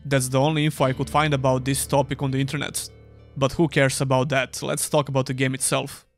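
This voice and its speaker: A man's voice: medium pitch, flat delivery, brisk, soft background music. A young man giving a scripted, dryly sarcastic voice-over review of an old game. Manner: dry, sarcastic. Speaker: gaming YouTuber.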